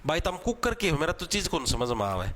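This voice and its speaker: Young Haryanvi male tutor with a high-pitched voice, teaching exam tricks in a chatty, joking way. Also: very animated, brisk, fairly bright tone. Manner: chatty, joking, addresses students as bhai. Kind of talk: live online class with memory tricks.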